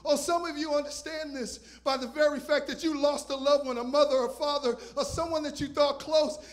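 A man with a strikingly high voice preaching a sermon from a church stage, holding a microphone in his hand. He swings from loud, shouted declarations down to hushed, almost whispered asides. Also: steady tone, a little fast. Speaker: visiting pastor. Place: church stage with purple lights. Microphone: handheld microphone.

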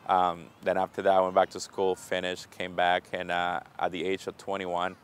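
A man's voice: sits low, monotone, moderate pace, clear, resonant tone. A man in his thirties from the Dominican Republic, a chef and restaurant owner, talking candidly about his life with easy fillers. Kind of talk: casual self-introduction. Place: restaurant kitchen and gym.

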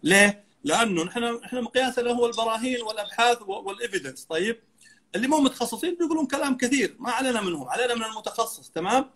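A man's voice: very high-pitched, animated, rapid-fire, a bit bright. A man, a dentist guest in an interview, earnestly explaining and dropping English medical terms into his talk.

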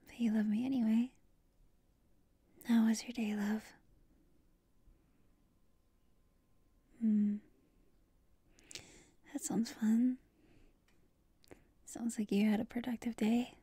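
A woman's voice: on the high side, level tone, takes it slowly, pauses often, mellow, breathy edge, dry recording, heavily acted. A woman voicing a tired, playful, affectionate girlfriend in a whispered role-play, talking intimately and a little hesitantly on a late-night call to her lover. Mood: tender, playful.

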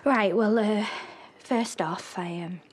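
A woman's voice: mid-range voice, husky. An actress playing an awkward, emotional woman just out of prison, talking hesitantly and often dropping to a whisper. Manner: hesitant, halting, trails into whispers. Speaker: actress in a TV soap. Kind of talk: naturalistic TV drama acting.

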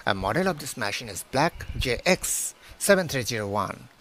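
A man, a pharmacist promoting a product on his channel and reading out its specs haltingly, recorded outdoors on a phone held at arm's length. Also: medium pitch, sing-song, a bit bright, slight background noise. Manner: halting, many hesitations, reads list items one by one. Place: outdoors beside plants.

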